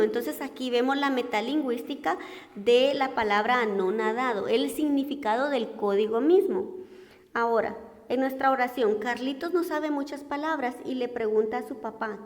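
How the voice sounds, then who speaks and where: A woman teacher gives a recorded language lesson. She explains slowly, gives many examples and checks in with "¿verdad?". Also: sits high, long reverb tail.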